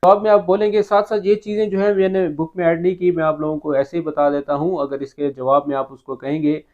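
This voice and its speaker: A man teaching a language lesson, saying each foreign phrase slowly and carefully before explaining it. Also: fairly high pitch, little pitch movement, narrow, tinny audio.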